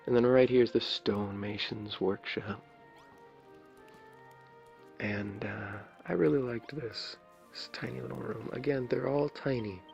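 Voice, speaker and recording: A video creator shows off his game builds in ASMR commentary, his low voice crackly and raspy. He speaks softly and meanders hesitantly. The dull lo-fi mic makes everything muffled, and the game music plays clearly in the background.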